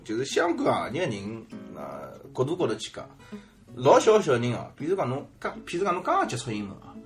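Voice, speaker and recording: Co-host, Shanghainese man, mid pitch, animated delivery, bantering. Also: fast talker, faint music behind. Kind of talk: casual chat.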